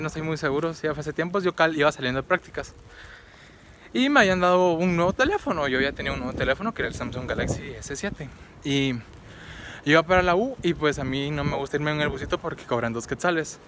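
Young male vlogger, casual rambling chat, bright tone, faint background hiss. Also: a little high. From Guatemala. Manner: chatty, rambling with fillers and restarts. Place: out and about, market and home.

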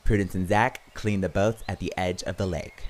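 An amateur actor voicing a bossy, paranoid young camp leader in an animated parody, tense and commanding. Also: low-pitched, moderate pace, lightly acted. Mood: bossy, irritated. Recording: music behind the voice.

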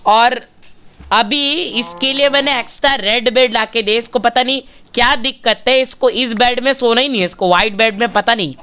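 A man's voice: very high-pitched, moderate pace, bright, forceful tone, clear, resonant tone. A male gaming channel host giving chatty, casual commentary while he plays, talking straight to his viewers and bargaining with them for likes.

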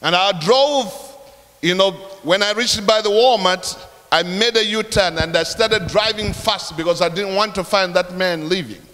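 A man's voice: high-pitched, normal speed, pushed and bright. A man from Africa preaching a sermon, telling a story emphatically and addressing the congregation directly. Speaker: pastor. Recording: long hall reverb.

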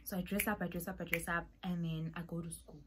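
A woman's voice: fairly low pitch, level tone, quick pace, background noise. A young woman with a South African accent telling a dramatic storytime vlog, with whispered asides. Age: young adult. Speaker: vlogger.

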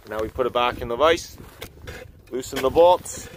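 This chainsaw-maintenance how-to comes from a man in his forties, a channel host standing in a snowy yard. He talks at normal speed and medium pitch, easygoing and folksy, thinking aloud with fillers, while the camera mic records clear outdoor noise as he moves closer and farther away.

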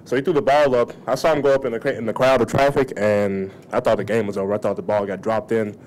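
A man's voice: fairly low pitch, steady tone, fast, darkish tone, a little hiss or hum, rough recording. A young man, a college football player, casually recounting plays at a postgame press conference into a table mic. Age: young adult.

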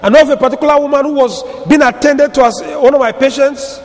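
A man preaching a sermon in a church, stretching out key words and now and then shouting for emphasis. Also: extremely high pitch, steady tone, fast, long reverb tail. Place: church hall.

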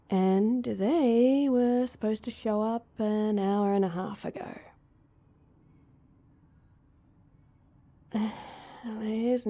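In an intimate roleplay audio drama, a woman with a dark, mid-range voice plays an awkward, heartbroken young woman. She speaks hesitantly and puts herself down, sounding sad and resigned.

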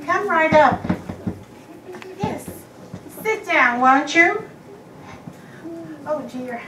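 A woman's voice: sits high, expressive, drawn-out words, pushed and bright, heavily acted. An older woman playing a theatrical psychic medium. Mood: dramatic. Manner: dramatic, breathy gasps and trembling exclamations. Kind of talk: amateur stage play. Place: community hall stage with live audience. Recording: echoey hall from far off, noisy.

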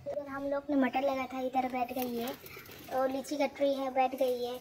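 A woman's voice: high-pitched, flat delivery, moderate pace, a little mellow, a little hiss or hum, rough recording. A woman narrating a casual vlog as she cares for a hurt bird and scolds her dog. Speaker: vlogger.

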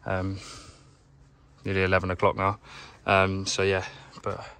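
Speaking at a measured pace, this young man has a gravelly, low voice and a chatty, rambling, unbothered manner. He's a plumber vlogger giving casual narration on the job, recording on a handheld phone in and around his work van as he organizes it.

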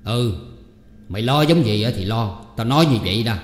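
A man voicing a gruff, stingy middle-aged man who scolds and makes demands. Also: mid-range voice, expressive, normal speed, natural voice. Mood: scolding. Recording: echoey room with long reverb.

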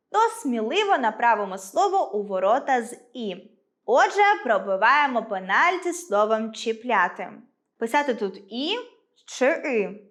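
A woman teaching a school language lesson, reading example words slowly and clearly, one by one. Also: fairly high pitch, a bit bright.

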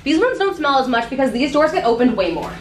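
A woman's voice: high voice, big pitch swings, fast, noisy background. A young woman guiding a wine tasting tour, explaining each wine in a friendly, upbeat way, picked up from a distance by a camera. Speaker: winery tour guide. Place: winery cellar and tasting room, indoors. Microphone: vlogger's handheld camera from a distance. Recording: distant echoey cellar with long reverb.

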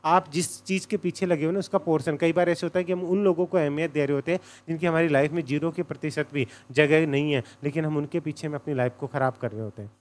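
A man's voice: a little high, steady tone, quick pace, hardly any pauses. A man giving a casual exam coaching lecture, direct and repetitive, often checking "okay?". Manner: direct, repeats points, says "thik hai" often.

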